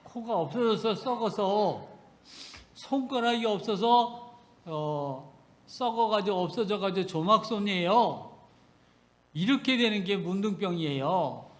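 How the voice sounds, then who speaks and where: A male pastor preaching a sermon, emphatic and swinging between loud stresses and soft asides. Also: high voice, animated, unhurried.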